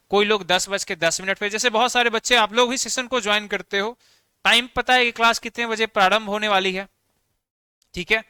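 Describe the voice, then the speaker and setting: A man's voice: high-pitched, sharp tone, clean tone, no echo, studio quality. A man teaching a vocabulary lesson online, explaining words with everyday examples and often checking in with the class. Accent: Bihari Hindi.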